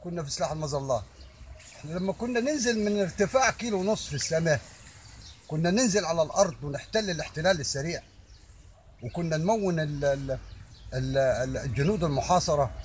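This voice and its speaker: Older man, Egyptian accent, somewhat high voice, emphatic impromptu monologue, stumbles and repeats himself, light outdoor background noise. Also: lively intonation, fast. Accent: Egyptian Arabic. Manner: emphatic, repetitive, stumbling over words. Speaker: army veteran giving his opinion. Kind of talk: impromptu monologue addressed to the public.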